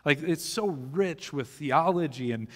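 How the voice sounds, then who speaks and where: Pastor preaching in a reverberant church. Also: male voice, fairly high pitch, lively intonation, measured pace. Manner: conversational teaching with occasional restarts, gesturing on stage. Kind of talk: sermon. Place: church sanctuary stage with live audience. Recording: long hall reverb of a church sanctuary.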